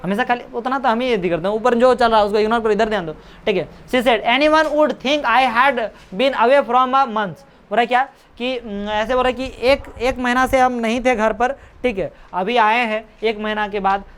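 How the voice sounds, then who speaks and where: Casual teacher explaining a story. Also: male voice, extremely high pitch, fairly bright tone, clean tone. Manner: casual Hindi-English mix, reads English lines slowly and haltingly; chatty, jokes and scolds the class. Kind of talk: classroom lesson explaining an English story.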